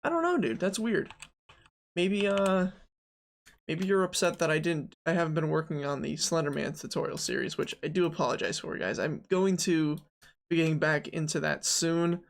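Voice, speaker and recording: A man's voice: on the high side, normal speed, creaky. A young man streaming game development, chatting casually, thinking aloud and answering his chat as he models.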